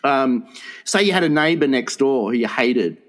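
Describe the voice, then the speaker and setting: Crude rambling comedy podcast host. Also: male voice, mid-range voice, expressive, moderate pace, fairly bright tone. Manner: crude, rambling, laughing often. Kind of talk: casual comedy chat.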